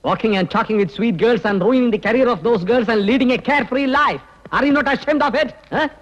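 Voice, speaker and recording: A man's voice: a little high, lively intonation, moderate pace, natural voice. An actor playing a bumbling man who poses as a pompous police officer, blustering and dropping English phrases into his speech. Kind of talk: film acting. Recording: dull lo-fi film audio.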